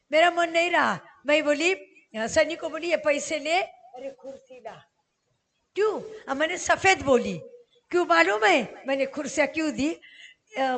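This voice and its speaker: A woman preaching a sermon to a congregation, emphatic, often repeating questions and answering them herself. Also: high voice. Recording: long hall reverb.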